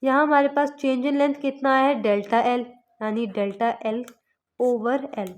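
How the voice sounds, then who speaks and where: Woman physics teacher, kinda high voice, walks thru formulas slowly step by step. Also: flat delivery. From Pakistan. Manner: explains step by step, mixing English terms into Urdu; slows down to spell out formulas. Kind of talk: lecture.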